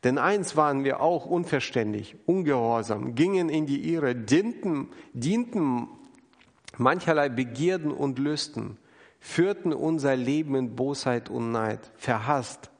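A man preaching an earnest, emphatic sermon, acting out the people he quotes. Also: medium pitch. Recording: long hall reverb.

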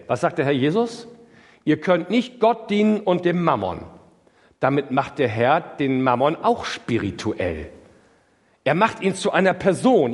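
A man preaching a sermon, emphatic and questioning his listeners directly. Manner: emphatic, swings from loud high outbursts to low quiet asides. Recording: long hall reverb.

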